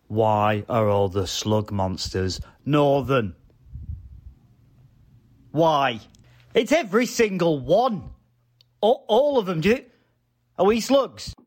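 An indignant northern caller fires off complaint after complaint, played by a man. The voice sits fairly high and lands in short, rapid, offended questions.

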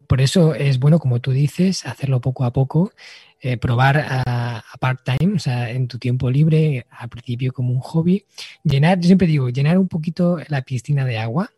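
Husky, mellow-voiced guest. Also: male voice, mid-range voice, moderate pace, no echo. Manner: explanatory, uses everyday metaphors. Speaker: guest author on Japanese culture. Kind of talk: casual interview chat.

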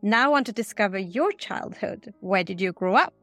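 A woman's voice: medium pitch, animated, moderate pace, fairly bright tone, dry recording, faint music behind. A woman hosting a podcast, formally reading out prepared questions. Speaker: podcast host.

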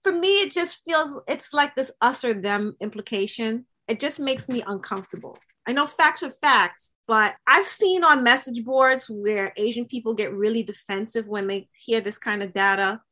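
A woman co-hosting a podcast, talking through her point with earnest emphasis. She restarts her sentences often as she searches for words. Her voice is bright and clear. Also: a little high, normal speed, hardly any pauses. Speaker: podcast co-host. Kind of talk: casual discussion.

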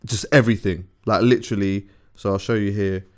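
A man's voice: lowish voice, fairly even intonation, a little fast. A man, co-hosting a podcast in casual, rambling chat. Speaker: podcast co-host.

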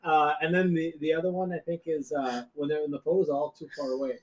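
A man's voice: fairly high pitch, flat delivery, fast talker, a little mellow, rough recording. A middle-aged man chatting as a podcast guest, rambling and correcting himself as he jokes. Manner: rambling, self-correcting, joking. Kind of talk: casual podcast chat.

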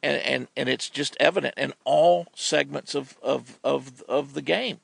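A man giving football analysis on sports talk radio, his voice deeply gravelly and full of fry. He stresses his points hard, doubling words as he builds an argument, and the sound is close and dry. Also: a little slow, no echo. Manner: emphatic, repeats words when stressing a point.

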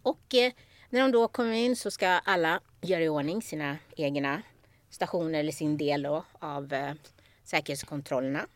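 A woman with a low voice hosts a podcast, telling a story in casual chat and animatedly acting out the people in it. The recording is dry.

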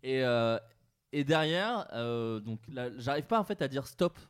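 A young man telling an animated anecdote in casual chat, acting out the quotes and laughing often. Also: mid-range voice, a little slow, smooth.

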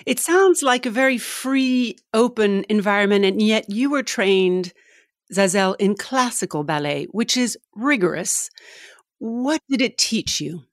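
A woman hosting an interview podcast, reading a scripted introduction and asking questions in a calm, measured way. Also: mid-range voice, no room sound, studio quality.

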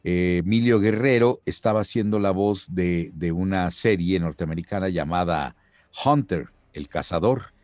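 Low-voiced man telling stories. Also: moderate pace, no echo. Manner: lively storyteller who acts out quoted voices. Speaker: voice actor. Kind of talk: anecdotal storytelling in an interview.

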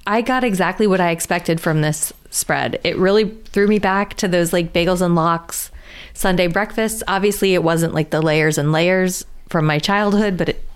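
A woman's voice: on the low side, normal speed, clear, resonant tone. Upbeat woman reviewing food. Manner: upbeat, laughs easily. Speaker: podcast co-host. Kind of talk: casual food review chat.

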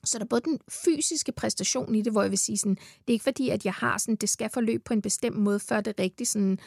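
A pregnant woman with a Danish accent talks in a fairly high voice with plenty of gravelly fry. She gushes and swears casually, close to a dry studio mic. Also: darkish tone, dry recording. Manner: enthusiastic, swears freely, laughs often. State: heavily pregnant. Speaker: podcast guest. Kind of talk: casual chat.

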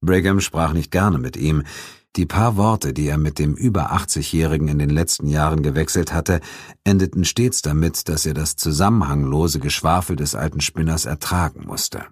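Deep-voiced male audiobook narrator. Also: moderate pace, breathy edge, no echo. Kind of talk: scripted narration. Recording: dry studio sound.

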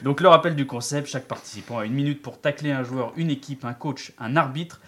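A man's voice: mid-range voice, brisk, a bit bright. A man hosting a casual sports podcast, introducing guests with teasing jokes and lots of fillers. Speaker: podcast host.

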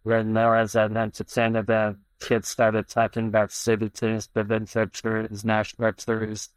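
Here the Iranian-born soccer player, mostly raised in Canada and a non-native English speaker, again recounts his story as a low-key interview guest in casual conversation. His low voice is monotone and smooth at a measured pace; there's no echo, though the audio quality is poor.

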